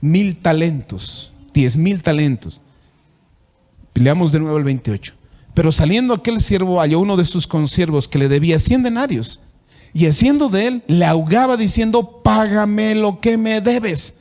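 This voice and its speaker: A pastor with a Bolivian Spanish accent preaches in an animated, dark-toned voice at a moderate pace. Reading scripture aloud, he lifts his pitch emphatically and repeats words while searching for the right phrasing.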